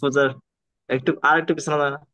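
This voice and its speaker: A man's voice: on the high side, level tone, fairly quick, a bit bright, no echo. A man, a student in an online class, asking questions hesitantly and searching for words.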